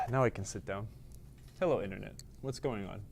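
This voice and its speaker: Against a noisy background, a man with a fairly low, creaky voice whose pitch swoops wildly hosts a casual livestream at a moderate pace. He rambles, pokes fun at himself, and mutters to himself while tinkering with the camera and lights in his workplace studio.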